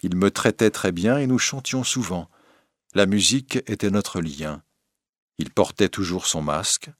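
A man's voice: deep voice, a little slow, no echo, clean studio sound. A man voicing a frightened, earnest young woman singer in a read-aloud storybook, with a raised, breathless pleading tone. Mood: confiding. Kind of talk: audiobook reading.

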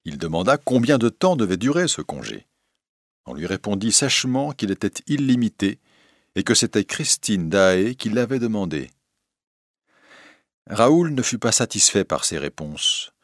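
A man narrating a storybook in a measured, even way. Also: low voice, no room sound, clean studio sound.

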